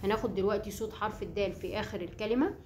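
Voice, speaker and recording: A young woman with an Egyptian Arabic accent teaching a phonics lesson for children, sounding out syllables and reading word lists slowly and with exaggeration. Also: mid-range voice, darkish tone. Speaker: speech teacher.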